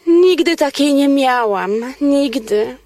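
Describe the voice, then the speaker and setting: A woman's voice: high voice, lively intonation, slow, darkish tone. A woman performing a comic monologue that jumps between fussing, pushing food on people and complaining, talking in a pushy, chattering way. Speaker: comedy sketch performer.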